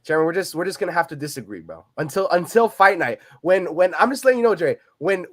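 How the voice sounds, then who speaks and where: A loud, fast-talking man with a high, lively voice, trash-talking his co-host in a heated sports argument. He stumbles over repeated words as he pushes his point, his pitch swinging up and down, and he teases without letting up. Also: no room sound. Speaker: podcast co-host.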